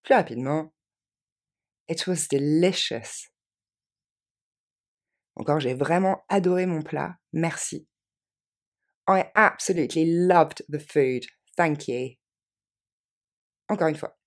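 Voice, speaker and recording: A woman teaching English phrases to French speakers, repeating each one slowly and then quickly. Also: deep voice. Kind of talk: language lesson with repeated model phrases.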